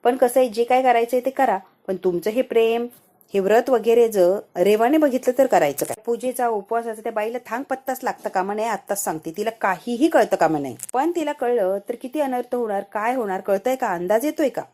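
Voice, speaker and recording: A woman's voice: on the high side, brisk, mellow, natural voice. A woman voicing a worried sister-in-law who gives urgent warnings. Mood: anxious warning. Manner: cautioning, urgent.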